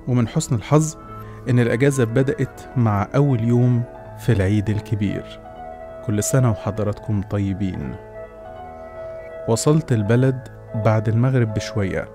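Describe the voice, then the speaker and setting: A man with an Egyptian accent narrating a scripted horror story in a dramatic first-person storytelling manner. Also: mid-range voice.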